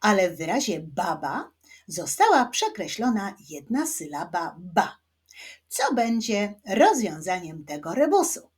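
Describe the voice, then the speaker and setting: A woman with a Polish accent teaching children to read, sounding out each syllable clearly. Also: mid-range voice, big pitch swings, unhurried. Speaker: reading teacher. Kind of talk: children's reading lesson.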